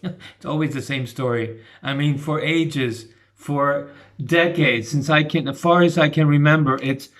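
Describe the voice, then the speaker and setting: A middle-aged man talking through a casual video commentary, halting and restarting often. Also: fairly high pitch, fairly even intonation, a bit bright. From grew up between the United States and Argentina. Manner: halting, many restarts and fillers. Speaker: channel host giving commentary.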